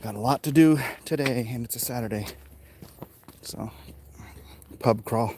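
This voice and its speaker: A vlogger and artist, this middle-aged American man chats to viewers in an offhand, self-deprecating ramble as he exerts himself climbing hilly residential streets, somewhat winded. His medium-pitched voice is unhurried and a little mellow, captured in a noisy outdoor walking recording with clicks.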